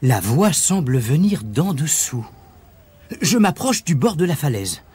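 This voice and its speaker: A man reading a children's story aloud as narrator, in an expressive, animated way. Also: on the high side, measured pace, breathy edge.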